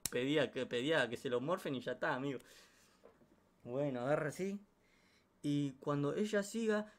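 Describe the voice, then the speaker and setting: A storyteller with an Argentine Rioplatense accent and a voice on the high side tells a comic anecdote, slangy and animated, packed with sound effects and asides.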